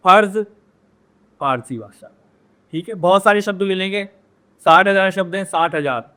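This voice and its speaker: A man teaches a grammar lesson in a smooth, resonant voice that sits a little high for a man. He drills pronunciation, saying words slowly and repeating them, and keeps checking in with his viewers. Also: fairly bright tone. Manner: addresses viewers directly with frequent "है ना?". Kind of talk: classroom-style grammar lesson.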